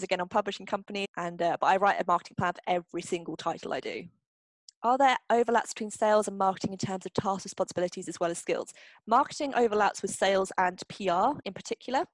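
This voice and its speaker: Woman, young adult, workshop host, casual Q&A, chatty, ums and restarts, medium pitch, dry close sound. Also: dry recording, poor audio. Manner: chatty, repeats herself, frequent ums and restarts. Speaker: publishing marketing workshop host. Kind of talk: casual workshop Q&A, reading and answering questions.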